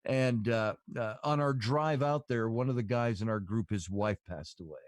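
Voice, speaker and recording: A man's voice: mid-range voice, moderate pace, no room sound, studio quality. A man hosting a podcast, telling long stories in a casual, rambling way with lots of fillers. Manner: rambling, filler-heavy storytelling. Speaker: podcast host. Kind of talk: casual storytelling chat.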